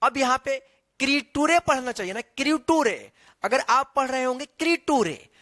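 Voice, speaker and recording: A man's voice: fairly high pitch, pushed and bright, no echo. A man teaching an online English reading lesson, spelling words letter by letter and asking and answering his own questions.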